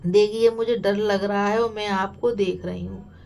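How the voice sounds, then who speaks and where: A woman's voice: mid-range voice, fairly even intonation, moderate pace, gravelly, darkish tone, close to an everyday voice. A woman voicing a frightened devoted queen. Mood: pleading, frightened. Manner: pleading, lamenting. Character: frightened devoted young queen calling for her husband.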